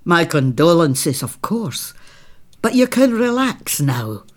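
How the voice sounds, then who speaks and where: A man voicing a young man who speaks softly and comfortingly. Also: a little high, sing-song, slow, heavily acted. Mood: reassuring. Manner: soft-spoken, comforting.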